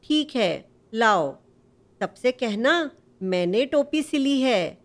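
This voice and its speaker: A woman's voice: on the high side, lively intonation, slow pace. A woman voicing a male tailor, amused and incredulous. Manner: incredulous, questioning.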